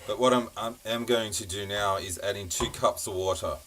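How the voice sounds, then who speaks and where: A man's voice: lowish voice, normal speed. A man hosting a cooking show, casually talking through each step as he cooks, in a noisy kitchen recording. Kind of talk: casual cooking demonstration narration. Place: indoor kitchen at the stove. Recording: noisy kitchen with sizzling and clicks. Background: frying sizzle, stirring, clicks.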